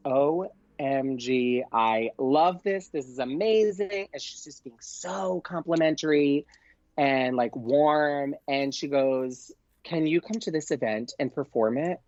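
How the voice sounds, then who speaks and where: As a podcast guest, a man tells a casual anecdote in an excitable, gushing, chatty way, peppering it with "like" and acting out the dialogue as he goes. His voice is medium in pitch. The recording is dry and somewhat dull, with a lo-fi edge.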